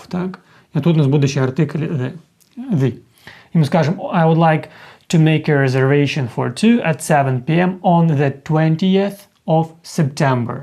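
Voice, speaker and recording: A man's voice: a little high, warm tone. A man explaining English restaurant phrases in a casual online lesson, often checking in with his viewers. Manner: explanatory, often adds "так?" and "друзі". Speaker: English teacher.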